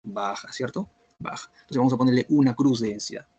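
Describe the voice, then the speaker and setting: A man teaching a biochemistry review class online, who keeps checking whether students follow by asking if everything is clear. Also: mid-range voice, fairly quick, darkish tone, no echo, highs cut off. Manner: repetitive, checks understanding with "¿está bien?" and "¿cierto?".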